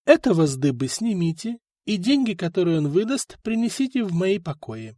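A man's voice: high-pitched, big pitch swings, normal speed, warm tone, no echo, clean studio sound, pitched above the performer's own voice. A man voicing a proud noblewoman princess who speaks coldly and firmly, in a storybook reading. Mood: commanding. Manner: cold, firm, disdainful.

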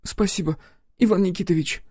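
Give me a man playing a remorseful young woman in an audiobook, soft and husky, no room echo. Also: high voice, brisk, clean studio sound, pitched above the performer's own voice. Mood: grateful.

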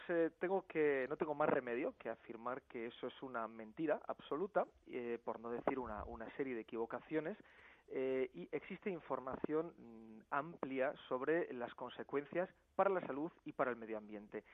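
A man's voice: medium pitch, no room sound. A man speaking as a campaign spokesman in a phone interview, arguing his case firmly. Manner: firm, argumentative. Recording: tinny phone line.

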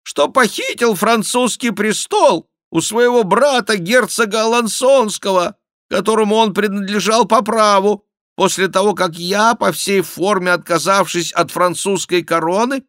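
A man voicing a mocking male court jester who makes a loud, nasal, theatrical mock confession. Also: measured pace, no echo, clean studio sound. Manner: loud, theatrical, high-pitched mock repentance.

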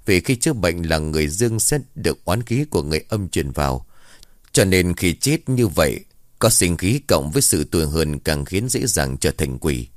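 A man voicing a solemn, measured old village shaman in a spoken story. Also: deep voice, big pitch swings, dry recording, clean studio sound. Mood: grave.

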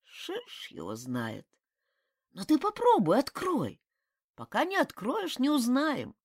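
A woman's voice: high-pitched, wildly swooping pitch, slow pace, slightly rough, dry recording, studio quality, voice pushed up, heavily acted. Woman playing a crafty, grumbling old house spirit. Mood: grumbling, folksy. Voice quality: rustic village speech, grumbling. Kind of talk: audiobook character voice.

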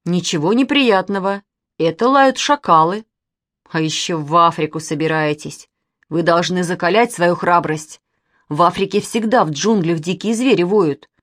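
A woman voicing a boastful boy who speaks in a slow, mock-ominous, self-important way. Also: fairly low pitch, dry recording, clean studio sound, close to an everyday voice. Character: boastful boy Kostya, playing the brave explorer.

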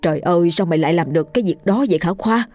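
Woman doing a blunt young guy, scolding, worried friend, lowish, dry. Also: racing, a little mellow, no room sound, faint music behind, natural voice. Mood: blunt worry.

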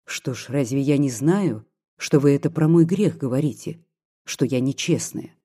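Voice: mid-range voice, moderate pace, mellow, natural voice. A reader voicing a tearful, devoted young peasant woman. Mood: pleading. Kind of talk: audiobook dialogue reading.

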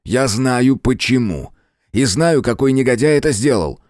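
An indignant gentleman scholar, played by a male narrator speaks with heated resolve in a raised voice. The audiobook sound is close and dry. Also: mid-range voice, lively intonation, unhurried, no room sound, pitched above the performer's own voice, natural voice.

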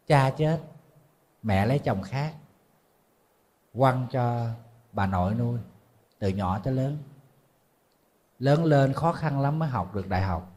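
A Southern Vietnamese monk giving a dharma talk, telling a story in an easy, conversational way. His voice is a little husky and sits at a medium pitch for a man. He calls himself "thầy" as he talks. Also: lively intonation, a little slow, pauses often, a little mellow. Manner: conversational, refers to himself as "thầy", laughs at his own slips. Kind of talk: sermon storytelling.

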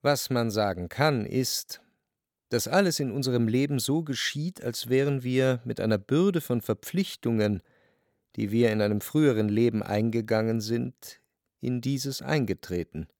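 A man narrates a literary radio drama in the first person, reflective and earnest, recorded close in a dry studio. His voice is medium-pitched and darkish, delivered at a measured pace.

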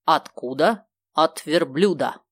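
A woman's voice: deep voice, expressive, takes it slowly, no echo, clean studio sound, full character voice. A woman voicing a cheerful adult man with a slight Italian accent who likes jokey sayings. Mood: playful. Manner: playful, fond of jokey sayings. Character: cheerful foreign-born adult man, joking.

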